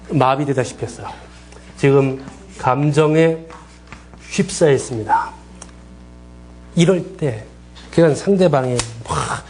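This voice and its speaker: Man lecturing on counseling, animated. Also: a little high. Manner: lively, acts out quoted dialogue, asks the class questions.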